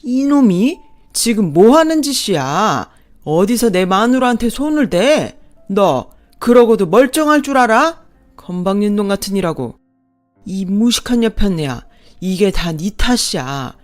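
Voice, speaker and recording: A woman's voice: medium pitch, very animated, measured pace, soft background music. A woman narrator voicing an older, hot-tempered father-in-law who barks insults. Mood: furious. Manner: barking, insulting.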